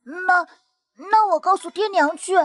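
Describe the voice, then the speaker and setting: A woman's voice: high voice, extremely slow, dark tone, exaggerated voice. A woman voicing a timid little crybaby boy who pleads hesitantly in an audio drama.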